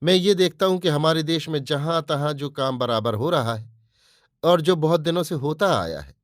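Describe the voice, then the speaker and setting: A man voicing a calm, reflective young man who reasons gently with his friend in a storybook reading. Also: a little high, no echo, clean studio sound, lightly acted.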